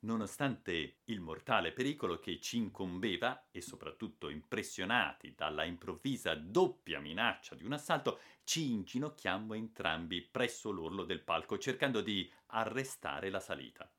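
A man narrates an adventure novel in a dramatic audiobook reading. His voice sits fairly low and moves with lively intonation. He reads in an expressive, storytelling manner. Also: normal speed, hardly any pauses.

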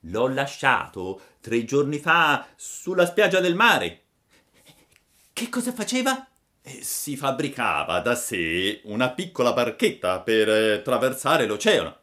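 A man's voice: mid-range voice, sing-song, a little slow, bright, forceful tone, pitched above the performer's own voice. A man voicing a large, kindly pigeon in a storybook reading, matter-of-fact with small hesitant fillers. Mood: helpful.

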